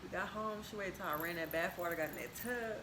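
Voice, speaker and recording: A woman's voice: on the low side, fast. Woman podcast co-host, slangy and blunt, roomy echo with background noise. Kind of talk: casual chat. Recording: echoey room with noise.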